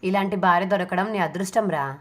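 A woman reading the part of a kind elderly grandmother who gently soothes and coaxes her family. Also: on the low side, steady tone, a little fast, natural voice. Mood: soothing.

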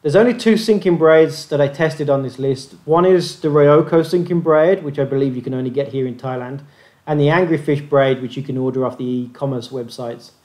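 A man's voice: medium pitch, a little fast, a little mellow. A man hosting a fishing channel, narrating a methodical review of gear tests over slides in a plain-spoken way.

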